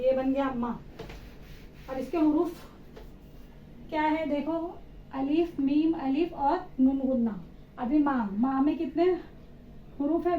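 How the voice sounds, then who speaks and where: A woman's voice: high voice, slight background noise. A woman teacher giving a step-by-step reading lesson for children, patiently spelling out letters and answering her own questions. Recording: roomy, slightly dull recording with faint ambience.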